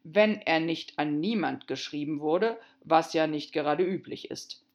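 A woman voicing a pompous storybook king who speaks slowly and weightily. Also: low voice, highs cut off. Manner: self-important, ponderous. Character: pompous, fretful king of a card court.

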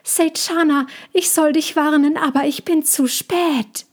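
Mina, a shrill treetop animal, put on by a woman. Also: fairly even intonation. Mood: alarmed. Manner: high, hurried warning calls. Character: female animal calling from a treetop.

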